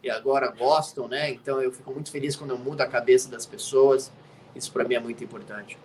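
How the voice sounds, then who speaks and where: Speaking from his home studio, a US-raised NFL commentator makes casual guest conversation, chatty and teasing, ending sentences with a little "né?". He talks fast in a medium-pitched, steady, darkish voice over slight background noise.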